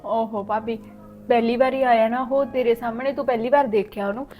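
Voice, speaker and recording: A woman's voice: fairly high pitch, fairly even intonation, a little fast, mellow, faint music behind, close to an everyday voice. An actress with a Punjabi accent playing a trusting young village woman who talks in an earnest, coaxing way.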